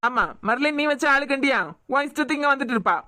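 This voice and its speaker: Woman doing a brisk, teasing young doctor. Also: sits high, sharp tone, dry recording, clean studio sound. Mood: scolding. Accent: Kanyakumari Tamil. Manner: brisk, scolding banter. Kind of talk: cartoon voice acting.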